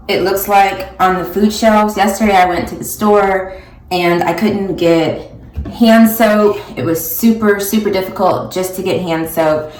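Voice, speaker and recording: Woman, casual video diary, phone mic, unhurried, roomy echo. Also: medium pitch, a little mellow. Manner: chatty, informal. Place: outdoors on a walk.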